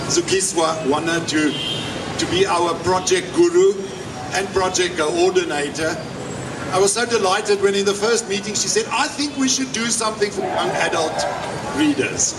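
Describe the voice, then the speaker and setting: A man's voice: high-pitched, unhurried. A man from a cultural institute giving a friendly, joking welcome speech. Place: festival event hall. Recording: echoey distant mic with noise.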